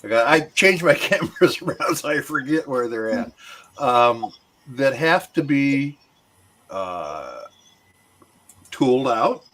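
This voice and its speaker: A man's voice: medium pitch, sing-song, slow pace, long pauses, fairly bright tone. A chatty man talking through his craft project on a casual livestream, using many fillers. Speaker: woodworker guest.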